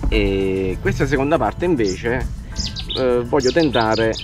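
A man's voice: medium pitch, slow. A man in his forties, from Italy, explaining his fishing gear from a kayak on a lake, talking casually with frequent fillers, recorded on an action camera. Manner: relaxed, hesitant with fillers while explaining gear. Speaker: fishing vlogger. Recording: music playing underneath.

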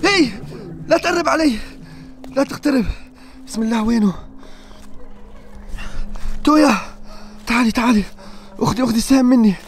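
Levantine man vlogger, very high voice, rapid and panicky delivery. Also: soft background music. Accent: Levantine Arabic. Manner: frantic, urgent calling out and praying under his breath. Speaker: adventure vlogger. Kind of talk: staged adventure vlog narration.

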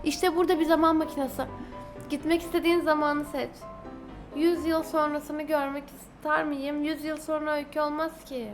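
Young adult woman, gaming YouTuber, high bright voice, jumpy reactions, soft music underneath. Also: moderate pace. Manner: excitable, reads game choices aloud, talks to viewers. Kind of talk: casual gameplay commentary.

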